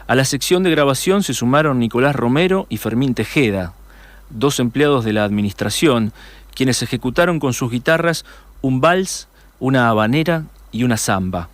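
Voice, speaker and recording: A man with an Argentine accent reading a scripted documentary narration for university radio in a measured way, with a few small restarts. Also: medium pitch, animated, no echo. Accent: Argentine Spanish. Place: radio studio.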